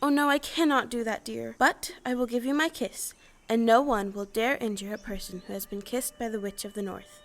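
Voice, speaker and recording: Woman playing a high-voiced, kindly old good witch. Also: natural voice. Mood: reassuring. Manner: deliberate, storybook-formal, solicitous. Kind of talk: stage audio play acting.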